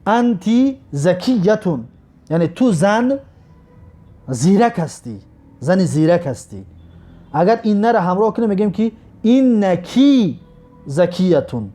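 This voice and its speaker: A man teaching an Arabic grammar lesson. He spells out each example slowly and keeps urging students to pay attention. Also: high-pitched, warm tone. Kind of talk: recorded classroom lesson.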